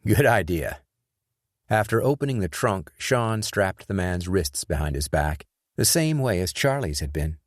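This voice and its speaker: A man narrating an action thriller audiobook in a steady, measured storytelling voice, close on a studio mic. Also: sits low, dry recording. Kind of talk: scripted narration.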